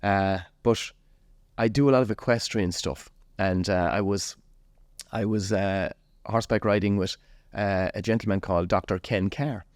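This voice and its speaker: A man's voice: lowish voice, darkish tone, dry recording, clean studio sound. A man of forty with a West of Ireland accent, telling his story casually as an interview guest. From Galway, west of Ireland.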